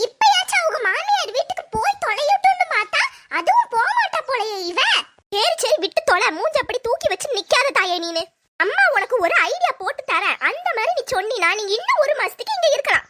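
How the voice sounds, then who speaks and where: A woman's voice: very high voice, sing-song, brisk, pushed and bright, slight background noise, exaggerated voice. A woman with a Thoothukudi accent voicing a scheming, bossy middle-aged village mother in a cartoon. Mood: scolding. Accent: Thoothukudi Tamil. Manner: scolding, exasperated. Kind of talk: cartoon voice acting.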